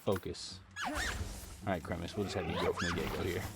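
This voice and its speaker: A man's voice: low-pitched, steady tone, fairly quick, creaky, heavy background noise. A man hosting a gaming channel, giving casual, rambling gameplay commentary with lots of ums. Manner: chatty, rambling with many ums. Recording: game music underneath. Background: game music.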